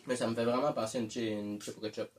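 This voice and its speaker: A man's voice: medium pitch, fairly even intonation, fast talker, darkish tone, slight background noise. A man with a Québécois French accent chatting casually as he tastes snacks, munching chips while he talks. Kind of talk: casual chat, food tasting.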